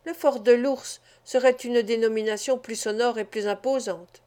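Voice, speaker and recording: A woman's voice: a little high, steady tone, moderate pace, dark tone, close to an everyday voice. A woman reading the part of an eager, inventive teenage boy in an audiobook.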